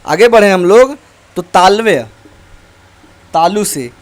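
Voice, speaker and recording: Slow, high-voiced male teacher. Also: expressive. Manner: slow and deliberate, reciting letters one by one. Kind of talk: classroom grammar lesson.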